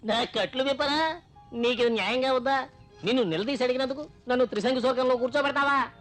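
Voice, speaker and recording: An actor playing the hero's nagging conscience, scolding him in an exasperated way. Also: male voice, extremely high pitch, fast talker, fairly bright tone, soft background music.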